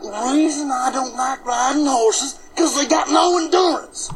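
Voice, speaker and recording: An actor playing a defensive cowboy in a film, with an exaggerated Western drawl and a high, strained twang. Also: male voice, measured pace, over music. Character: cowboy who claims horse allergy, adult man. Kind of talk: film dialogue.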